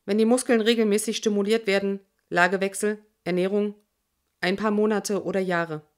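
A woman reading a calm neutral AI. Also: mid-range voice, normal speed, close to an everyday voice. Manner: even, matter-of-fact. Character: calm neutral onboard AI of a vehicle. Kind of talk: audiobook reading.

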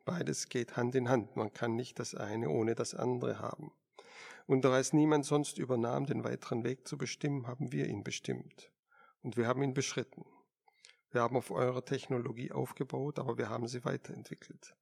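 A man reading an unyielding machine intelligence in an audiobook, speaking in a measured, quietly firm way. The voice carries a gravelly fry. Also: medium pitch, steady tone. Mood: calm.

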